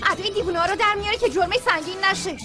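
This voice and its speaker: A woman dubbing a film role as a sarcastic, accusing house buyer. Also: very high voice. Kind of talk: dubbed film dialogue.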